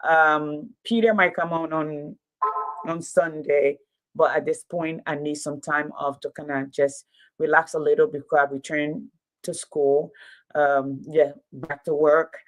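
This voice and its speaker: A woman's voice: low-pitched, steady tone, measured pace. Woman, 50s, livestream host; emphatic, repetitive, casual delivery. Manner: emphatic, repeats phrases for effect. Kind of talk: casual livestream talk and commentary.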